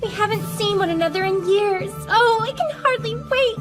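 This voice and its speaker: A woman in an English anime dub voicing a girlish, affectionate teenage daughter with a gushing, expressive delivery. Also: extremely high pitch, moderate pace. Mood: wistful excitement. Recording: music behind the voice.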